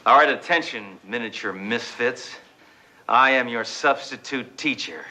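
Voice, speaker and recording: A tough, trigger-happy American police detective in a sitcom. His voice is hard-edged and sharp, with deadpan sneers and orders. There is a faint noise on the soundtrack. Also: mid-range voice. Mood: commanding, mocking. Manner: deadpan, sneering, drawn-out insults. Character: tough, cocky, trigger-happy male police detective posing as substitute teacher.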